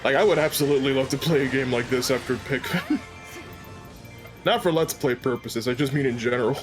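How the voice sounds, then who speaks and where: A man's voice: medium pitch, normal speed, faint music behind. A man in casual chat with friends on a game stream, talking in a jokey, rambling way.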